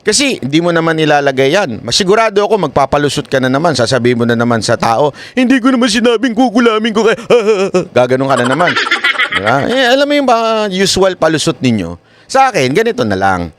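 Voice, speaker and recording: A man giving live-stream commentary in an animated way, often tossing tag questions to viewers. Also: on the high side, quick pace. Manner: animated, keeps asking "di ba?". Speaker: online news commentator.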